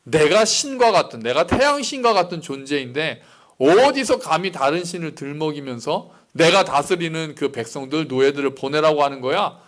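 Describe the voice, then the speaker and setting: A man's voice: fairly high pitch, lively intonation, normal speed, fairly bright tone. A man voicing a proud, scornful ancient king as he retells a story in a sermon, dismissive and contemptuous.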